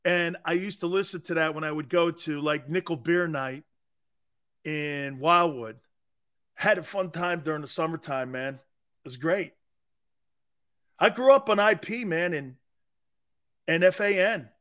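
Man, sports talk host, from Connecticut, high-pitched, blunt, speaks straight to viewers. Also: unhurried, pauses often, fairly bright tone. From Connecticut, USA. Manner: blunt, direct, addresses viewers.

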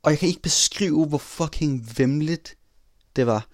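A man in casual chat telling a personal story in an animated way, swearing casually. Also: fairly high pitch, no echo, clean studio sound.

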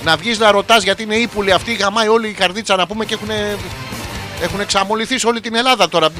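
Over music, a man in his forties with a voice that sits high crudely rambles his way through listener messages on his comedic radio show. Recorded in a radio studio, he bursts out suddenly from time to time.

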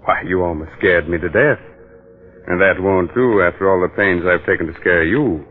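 An actor playing a macabre, teasing horror host with sinister mock politeness, in 1940s radio style. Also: male voice, sits low, moderate pace, a little hiss or hum, close to an everyday voice. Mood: teasing, ominous. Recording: muffled old radio recording.

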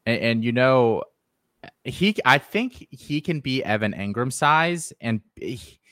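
A man's voice: medium pitch, lively intonation, slow pace, pushed and bright, dry recording, clean studio sound. A man hosting a podcast, confidently giving his picks in a casual sports analysis chat. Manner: confident, gives firm picks and advice. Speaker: podcast host.

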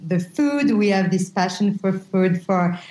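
A woman's voice: medium pitch, expressive, measured pace, dark tone. French-accented young woman, roomy sound. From France. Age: young adult. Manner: hesitant, with fillers. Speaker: guest, bakery co-founder. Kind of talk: remote interview answers.

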